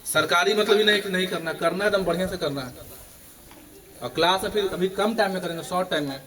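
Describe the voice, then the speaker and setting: Fast, pushed and bright, this high male voice belongs to a schoolteacher running a morning assembly. He quizzes the students for answers in unison while the crowd of children can be heard in the background.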